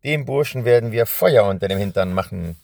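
A man's voice: fairly low pitch, animated, fairly quick, creaky, darkish tone, no room sound, studio quality. A man voicing a coarse, hot-tempered thug who bellows threats and insults in a storybook reading. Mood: angry.

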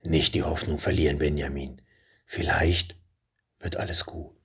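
A man voicing a huge, gentle young male dragon in a storybook reading, speaking slowly and earnestly in a low, hushed way. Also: steady tone, husky, exaggerated voice. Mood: comforting.

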